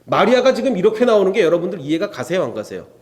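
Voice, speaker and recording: Preaching an expository sermon in a church sanctuary, a male pastor fires rhetorical questions at the congregation and acts out biblical dialogue in shifting voices. He speaks very fast in a high, very animated voice, and the hall gives a long reverb.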